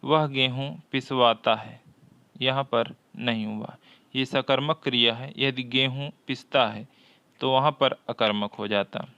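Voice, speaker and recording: A man teaching a Hindi exam-prep lesson, reading each question aloud, often twice, and explaining the answer deliberately. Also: mid-range voice, fairly even intonation, pushed and bright, dull audio, slight background noise.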